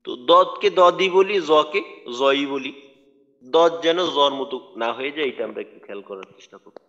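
A man's voice: fairly high pitch, lively intonation, normal speed, pushed and bright. A man teaching Quran recitation in an online lecture, patient and explanatory, repeating his points for emphasis. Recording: dull lo-fi audio with long reverb.

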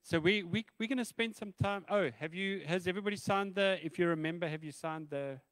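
A man's voice: high-pitched, brisk, no room sound, low-quality recording. A man, a pastor giving loose, chatty church announcements and leading a closing prayer. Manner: relaxed, self-deprecating, loose and chatty.

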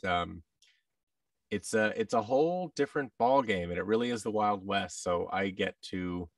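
A lowish male voice at normal speed is captured at studio quality with no echo, though far from the mic. The man, an American actor and audio drama producer in his thirties, is a casual interview guest who rambles and jokes at his own expense. He's speaking from a large indoor office through a boom-arm mic and headset on a video call.

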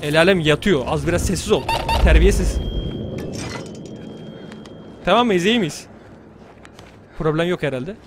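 A man's voice: on the high side, a little slow, long pauses, background noise. A young man commentating a horror game let's play, muttering to himself and cursing at the game. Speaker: gamer.

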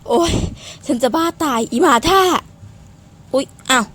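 A woman giving casual gameplay commentary, excitable and playfully swearing, squealing at her game. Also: high voice, unhurried. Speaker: game streamer.

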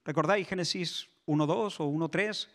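A man from Spain, preaching a sermon in a church, impassioned, shifting between shouts and soft asides. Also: a little high, moderate pace. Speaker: pastor.

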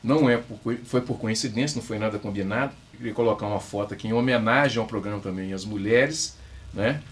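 A man's voice: lowish voice, fast. A man with a Brazilian accent hosting a talk show in a chatty way, asking questions and thanking his guests.

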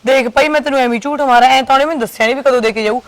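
A woman's voice: high-pitched, very fast, close to an everyday voice. A woman playing a gossipy daughter-in-law who talks a neighbour round. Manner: persuasive, chatty, gossiping about her mother-in-law. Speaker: daughter-in-law in a comedy sketch. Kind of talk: comic village drama.

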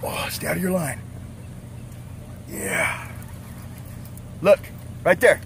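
A man's voice: a little high, sing-song, slow, gravelly, fairly bright tone. Easygoing man in his forties on a pier. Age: 40s. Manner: easygoing, chatty, laughs often. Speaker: fishing vlogger. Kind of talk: casual outdoor vlog commentary. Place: outdoors on a harbor pier. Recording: outdoor harbor noise.

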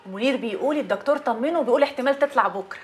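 A woman's voice: a little high, rapid-fire, a little hiss or hum, close to an everyday voice. An actress playing a woman reassuring an old man, speaking with an Egyptian Arabic accent.

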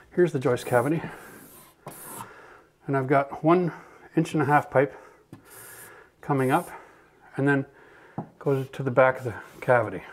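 A man's voice: mid-range voice, noisy background. A middle-aged man hosting a DIY renovation video, chatty and upbeat, explaining his work in a gutted bathroom. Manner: upbeat, chatty, swears and laughs freely. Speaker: renovation channel host. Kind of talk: casual DIY walkthrough.

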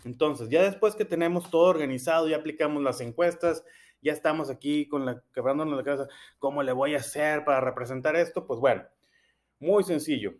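A man's voice: on the high side, brisk. A man teaching a primary school lesson, patiently explaining and repeating key points with frequent checks.

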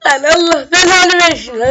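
A woman's voice: high-pitched, sharp tone. A woman giving casual game commentary, playful and swearing jokingly. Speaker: gamer.

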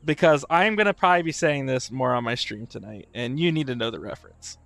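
A man's voice: mid-range voice, lively intonation, quick pace, vocal fry, a bit bright, dry recording. A man streaming, chatting casually and joking with his co-streamer while greeting his chat by name.

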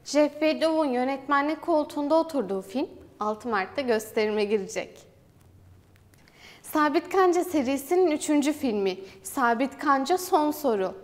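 A young woman presenting film news for university television, reading a script in a formal, even way. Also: sits high, moderate pace. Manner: even, formal read-aloud delivery. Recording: hall reverb.

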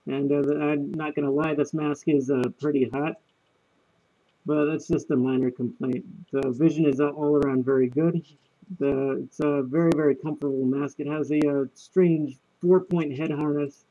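A man's voice: a little high, steady tone, moderate pace, mellow. Man muffled inside a gas mask. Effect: muffled, talking from inside a gas mask. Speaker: gear collector reviewing a gas mask. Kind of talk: casual product review video. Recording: dull, muffled sound through a mask.

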